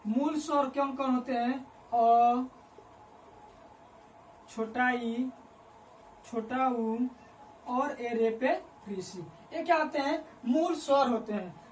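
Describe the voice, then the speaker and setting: High-pitched woman teacher, slow repetitive dictation to a class, mic set back from her. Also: a little hiss or hum. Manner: repeats phrases slowly for students to write down; asks the class questions and answers them herself. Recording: voice picked up from a distance.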